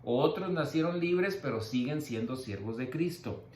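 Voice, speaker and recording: Male pastor-teacher, mid-pitched, patient and emphatic, recorded in an echoey church. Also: lively intonation, darkish tone, slight background noise. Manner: teacherly, slow emphatic word-by-word explanations. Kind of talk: Bible-study sermon.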